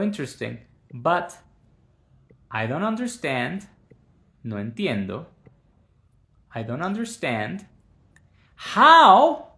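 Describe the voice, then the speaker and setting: A man from Colombia teaching English in Spanish, slowly modeling English phrases and repeating them for learners. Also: medium pitch, echoey room. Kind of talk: Spanish-language English lesson.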